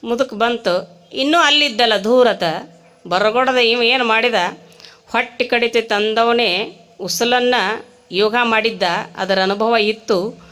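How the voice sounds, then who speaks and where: A woman's voice: on the high side, steady tone, measured pace, long pauses, fairly bright tone. A woman preacher with a North Karnataka accent, telling a comic story in a sermon and animating each character. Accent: North Karnataka Kannada.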